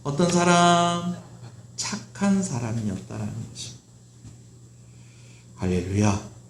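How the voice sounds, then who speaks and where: A man's voice: on the high side, big pitch swings, unhurried, a little hiss or hum. A middle-aged man preaching a sermon as pastor, asking the congregation questions and answering them himself. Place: church sanctuary. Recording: roomy church echo.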